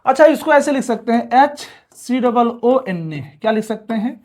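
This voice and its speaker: A man's voice: very high voice, animated, moderate pace, a little mellow. A male chemistry teacher giving an exam-prep lecture who asks questions aloud, answers them himself, repeats key terms and keeps urging students to pay attention. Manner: repeats key terms several times over.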